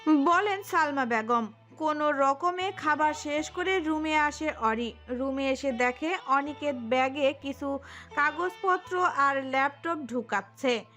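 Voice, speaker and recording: A woman narrating a romantic audio story in an expressive storytelling manner. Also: sits high, slow pace, faint music behind.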